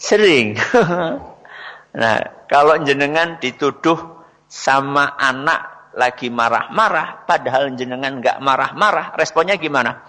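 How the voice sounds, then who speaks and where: Slow-speaking man preaching in a hall. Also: mid-range voice, lively intonation, pushed and bright. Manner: asks the audience questions and answers them himself. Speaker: religious speaker. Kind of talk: Islamic parenting talk to an audience.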